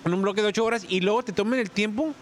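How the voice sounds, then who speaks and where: Guest: young man with a high voice and rapid, slangy, laugh-filled storytelling. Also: a little hiss or hum. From Mexico. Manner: animated storyteller, heavy slang, laughs often. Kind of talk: casual podcast chat.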